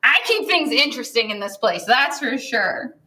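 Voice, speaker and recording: A woman's voice: a little high, animated, normal speed, bright, forceful tone. A woman demonstrating stenciling on a craft livestream, chatty and playfully teasing her co-host.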